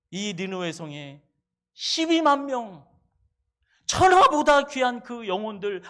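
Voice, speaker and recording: Male preacher doing an exasperated fatherly God in a sermon, scolding in a raised, high voice. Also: exaggerated voice. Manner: shouting rebukes, rhetorical questions.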